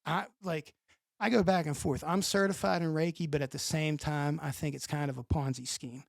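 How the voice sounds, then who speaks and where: Pittsburgh man, gravelly and dry-miked, animated profane storyteller. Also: a little high, normal speed, dry recording. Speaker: podcast guest. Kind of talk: casual storytelling.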